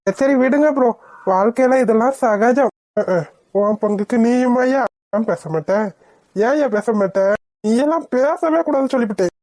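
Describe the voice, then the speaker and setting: A woman's voice: fairly high pitch, moderate pace, mellow, no echo, clean studio sound, lightly acted. A woman doing teasing young cartoon men. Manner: bantering, mocking. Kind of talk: cartoon voice acting.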